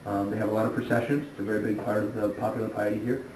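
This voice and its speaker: Relaxed priest explaining, echoey room. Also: male voice, lowish voice, racing. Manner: relaxed, explanatory, thinking aloud. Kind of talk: casual explanation. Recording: echoey room, distant mic, faint noise.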